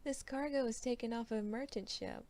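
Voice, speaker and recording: A woman's voice: a little high, moderate pace, darkish tone, close to an everyday voice. A woman doing a chatty many-eyed alien man. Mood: gossiping. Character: squeaky many-eyed alien man swapping treasure tales.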